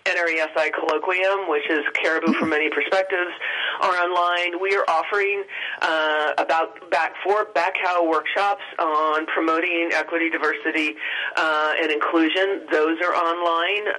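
A woman talking over the phone as an event organizer, pausing often with filler sounds. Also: sits low, steady tone, pushed and bright, poor audio. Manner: hesitant, many filler sounds. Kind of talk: phone-in interview.

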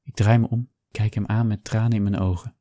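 A man reading a first-person story aloud in a calm, measured storytelling manner. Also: on the low side, no room sound. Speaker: audiobook narrator. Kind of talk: scripted first-person narration.

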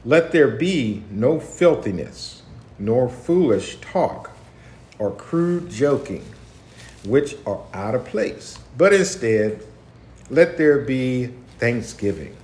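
A man hosting a casual livestreamed Bible study at home, chatting and then reading scripture slowly with emphasis. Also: mid-range voice, very animated, darkish tone. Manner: slow, deliberate reading with emphasis. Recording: echoey room, faint background noise.

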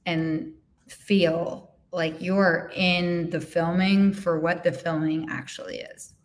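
A woman guest on a podcast, chatting casually and acting out quotes in an animated way. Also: on the low side, takes it slowly. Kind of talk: casual chat.

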